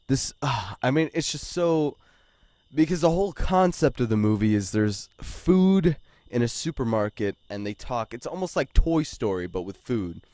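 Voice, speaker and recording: A man's voice: on the low side, dark tone, no echo. Rambling, profane man reviewing a movie. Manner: rambling and profane, full of "like" and "you know". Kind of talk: casual spoken movie review.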